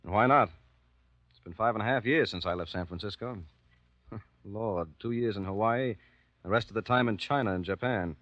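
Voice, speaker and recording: A man acting a candid American war correspondent in a grave 1940s radio drama. His voice is low and plain-spoken, clipped in the telling. The recording is dry and muffled with age. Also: normal speed, long pauses, fairly bright tone, no echo, close to an everyday voice. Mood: wry, serious.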